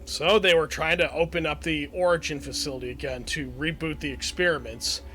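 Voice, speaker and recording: A man's voice: a little high, fairly even intonation, fairly quick, bright, forceful tone. A man giving casual, chatty let's-play commentary as he plays through a shooter game, often chuckling at it. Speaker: gaming channel host.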